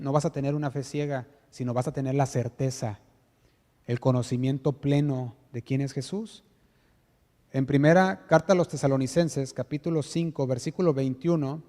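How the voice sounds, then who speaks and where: A man's voice: medium pitch, warm tone. Earnest preacher man in a reverberant church. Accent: Mexican Spanish. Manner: earnest, emphatic preaching with rhetorical questions; reads scripture aloud, slowing on key words. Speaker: pastor. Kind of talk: sermon. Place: church sanctuary.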